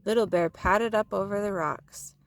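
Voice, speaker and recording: A woman narrates a children's picture book aloud in an expressive storytelling style. Her voice is mid-range and she speaks at a normal speed.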